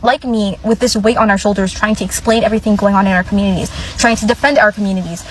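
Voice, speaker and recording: A woman's voice: medium pitch, slight background noise, poor audio. A woman in her twenties from Minnesota, a pre-med student, making an earnest personal video statement. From Minnesota, United States. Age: 20s. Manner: earnest, measured.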